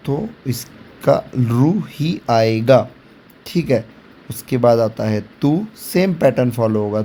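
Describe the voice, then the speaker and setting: A man's voice: medium pitch, dark tone, a little hiss or hum. A man teaching Sanskrit in a patient lecture style, repeating points, quizzing the student, drawing out each syllable and mixing in English words. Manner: mixes English words into Hindi; drags out syllables when spelling sounds. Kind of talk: classroom lecture.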